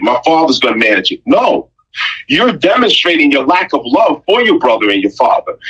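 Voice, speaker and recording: A man delivers an opinionated, conversational rant, blunt and emphatic, with profane slang, rhetorical questions and pointed repetition. His mid-range voice sounds pushed and bright with a breathy edge, and the audio is poor.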